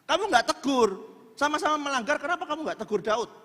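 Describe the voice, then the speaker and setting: A man voicing a grown male teacher who loudly rebukes religious leaders, stumbling over restarts as he goes, in an echoey church hall. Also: very high voice, lively intonation, quick pace, voice pushed up, full character voice. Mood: reproachful. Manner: loud, reproachful, with stumbling restarts.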